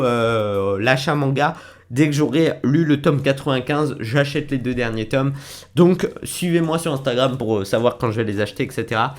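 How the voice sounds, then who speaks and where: A young man talks casually to his viewers in a slightly high voice. His talk wanders and restarts, full of fillers as he chats along. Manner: chatty, rambling, many fillers and restarts. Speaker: manga vlogger. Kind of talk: casual chat to camera.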